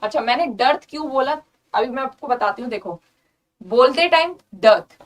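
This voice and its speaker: A young Indian-accented woman gives an online exam-prep vocabulary lesson in a high, bright-toned voice. She repeats each word slowly and keeps checking that students follow. Her voice sits a little back from the mic. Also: lively intonation, distant mic, low-quality recording. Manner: repeats words slowly and checks understanding with "clear?"; mixes English words and sentences into Hindi explanation. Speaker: English vocabulary teacher.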